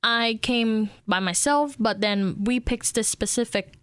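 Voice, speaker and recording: A woman's voice: on the high side, a little slow, smooth, dry recording. A young woman from Vietnam with a Vietnamese accent, whose first language is Vietnamese, chatting casually as an interview guest. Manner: chatty, relaxed storytelling with fillers.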